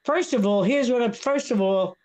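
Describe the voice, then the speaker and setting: Heard on a low-quality recording, this seventy-something guest from Brooklyn, New York has a thick accent and a fairly high, darkish voice at normal speed. She's outspoken and heated in casual live stream chat, saying things more than once.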